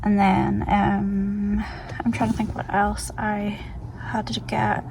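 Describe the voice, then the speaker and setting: A woman's voice: mid-range voice, monotone, takes it slowly, creaky, darkish tone, rough recording. A woman with a Northern Irish accent chatting casually and informally as a vlogger, thinking aloud in a rambling way. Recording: faint ambient background noise.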